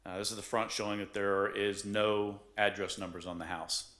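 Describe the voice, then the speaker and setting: A man presenting a code violation case to a board, polite and halting, answering with ma'am. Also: lowish voice, little pitch movement, fairly bright tone. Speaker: code enforcement officer. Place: council chambers. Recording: echoey chamber.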